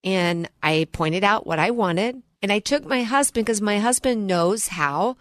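A woman's voice: medium pitch, lively intonation, measured pace, a bit bright, no echo, clean studio sound. A woman financial advisor hosting a radio talk show, telling stories in an earnest, chatty way. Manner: earnest, storytelling, repeats words on restarts.

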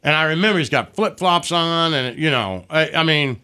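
A man with a bright, forceful voice, a little higher than most, tells stories in loose, foul-mouthed chat. He acts out the voices of the people in his stories as he goes. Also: moderate pace, clear, resonant tone. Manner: profane, animated storytelling with acted quotes. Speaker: podcast guest. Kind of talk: casual storytelling chat.

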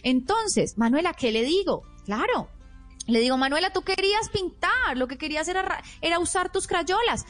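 A woman's voice: very high-pitched, lively intonation, normal speed, fairly bright tone, faint music behind. A woman parenting expert explaining in a teaching manner, acting out example phrases a parent might say. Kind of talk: explanatory podcast talk.

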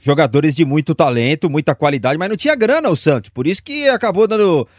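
A Brazilian man co-hosting a sports radio show, chatting casually and telling anecdotes in an animated way. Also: on the high side, quick pace, dry recording, clean studio sound.

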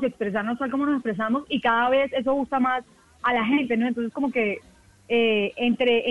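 A woman from the Colombian Caribbean coast with a softened coastal accent, a TV news presenter chatting quickly as a radio guest. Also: a little high, no room sound. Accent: Colombian coastal Spanish, softened. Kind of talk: casual radio chat. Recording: tinny phone line, dry.

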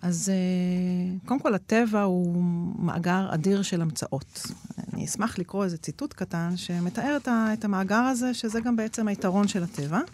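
A woman's voice: medium pitch, hardly any pauses, a little mellow. A woman being interviewed as an expert, explaining at length with frequent hesitation fillers. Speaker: guest expert on nature-inspired innovation.

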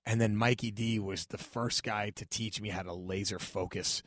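A man, a stand-up comedian, chatting casually and telling profane, animated stories as a podcast guest, acting out other people's lines. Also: lowish voice, normal speed, no room sound, clean studio sound.

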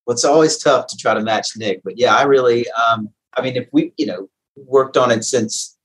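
A man answering interview questions haltingly, with many fillers. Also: mid-range voice, fairly bright tone, husky, rough recording. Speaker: guest, games organizer.

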